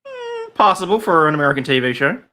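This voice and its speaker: A man's voice: sits high, wildly swooping pitch, quick pace, noisy background. A man joining a casual livestream as a guest, swearing and bantering with laughter.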